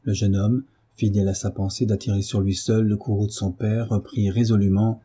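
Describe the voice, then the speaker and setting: A man narrating a classic novel as an audiobook, reading in a measured, steady way. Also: lowish voice, breathy edge. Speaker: audiobook reader.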